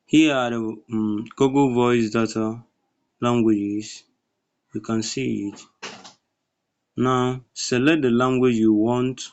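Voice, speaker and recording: A man presenting a step-by-step screen tutorial in halting, instructional phrases. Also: medium pitch, fairly even intonation, darkish tone. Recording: dull lo-fi recording.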